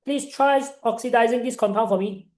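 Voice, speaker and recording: A young man with a Malaysian accent tutoring online in informal, Singlish-like English full of local particles, animated and encouraging. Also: very high-pitched, normal speed, reverberant. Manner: animated, encouraging, peppering talk with "right" and "ah". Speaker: chemistry tutor.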